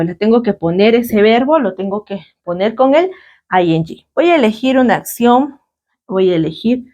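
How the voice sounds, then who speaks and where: A woman with a Latin American Spanish accent teaching an English grammar lesson, slow and patient, often checking in with questions. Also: a little high. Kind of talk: recorded classroom lesson.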